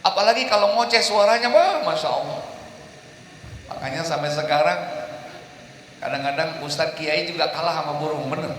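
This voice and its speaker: A middle-aged man preaching a humorous sermon, telling stories and quizzing his audience, his voice jumping between loud bursts and soft asides. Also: a little high, normal speed, pauses often. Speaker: Islamic preacher. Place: large mosque or hall at a religious gathering. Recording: echoey hall through PA, faint room noise.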